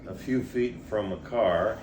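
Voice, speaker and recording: An older man, a storyteller guest, reminisces in casual talk, rambling and hesitant and often trailing off. His voice is lowish, unhurried and a bit dark, recorded in an echoey room with audible background noise.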